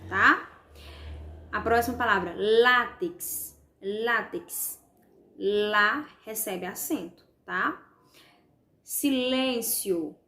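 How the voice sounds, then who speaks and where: Brazilian woman teacher, echoey room. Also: medium pitch. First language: Portuguese. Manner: explanatory, repeats words slowly, checks with "tá?" and "vale?". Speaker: Spanish teacher. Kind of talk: recorded online class, correcting exercises.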